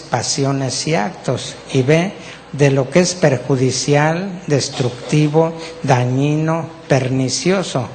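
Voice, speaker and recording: A Mexican pastor preaching at a slow, deliberate pace, patiently teaching and checking in with his congregation. His voice carries a long church-hall reverb over a faint background hiss. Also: a little high, a little mellow. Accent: Mexican Spanish. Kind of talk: sermon.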